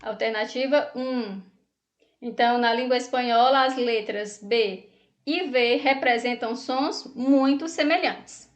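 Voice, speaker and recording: High-voiced woman teaching a language class. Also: slow pace. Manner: explains patiently, asks the class questions, reads exercises aloud. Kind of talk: online Spanish lesson for students.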